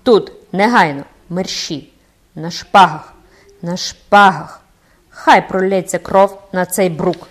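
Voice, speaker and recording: A woman voicing a proud, hot-tempered young cavalry captain, loud and swaggering. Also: medium pitch, a little fast, close to an everyday voice. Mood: furious. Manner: loud, brash, swaggering delivery.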